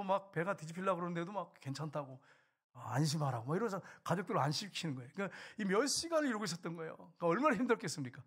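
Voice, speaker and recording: A middle-aged male pastor preaching a sermon, asking the congregation questions and swinging between loud and hushed. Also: on the high side, breathy edge. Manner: preaching with rhetorical questions and acted quotes, voice rising and dropping.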